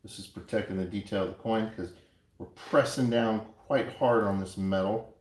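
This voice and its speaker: A man casually narrating his coin ring making as he works, chatty and relaxed, with playful sound words. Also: lowish voice, normal speed. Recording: echoey room with clear background noise.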